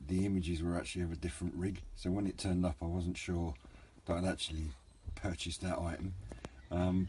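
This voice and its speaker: Speaking in a low, dark-toned voice, a man gives an unscripted review of a hobby product. He comes across as hesitant and low-key, straying a little as he talks, and the handheld camera picks up clear background noise.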